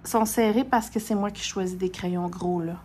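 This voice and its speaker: A woman with a Québécois French accent gushes excitedly while unboxing crafting pens, breaking into gasps and squeals. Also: mid-range voice, normal speed, a little hiss or hum. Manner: gushing, with gasps, squeals and repeated exclamations. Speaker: diamond painting vlogger.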